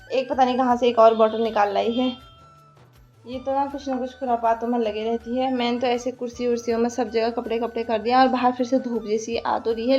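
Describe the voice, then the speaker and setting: A woman's voice: fairly high pitch, darkish tone, highs cut off. A young woman with a light lilt, chatting casually through a daily vlog at home and talking to her toddler now and then. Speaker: vlogger and mother. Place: indoors in a rented room.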